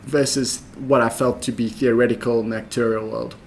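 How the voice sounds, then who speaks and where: Flat-voiced South African man, measured. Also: medium pitch, gravelly, a little hiss or hum. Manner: measured, methodical, with frequent ums. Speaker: interview guest. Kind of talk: conversational interview.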